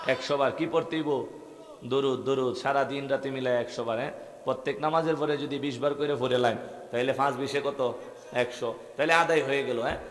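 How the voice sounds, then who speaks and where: A man with a Bangladeshi accent preaching a waz sermon to a gathering, rhythmic and rousing, calling questions out to the crowd. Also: medium pitch. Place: religious gathering. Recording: echoey open-air mahfil with long reverb.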